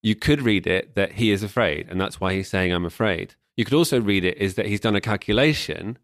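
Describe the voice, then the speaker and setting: Speaking fairly quickly in a lowish voice with a fairly bright tone, a man analyzes a film's themes in a casual podcast discussion. He's thoughtful and often restarts his sentences, and the studio recording is clean with no echo.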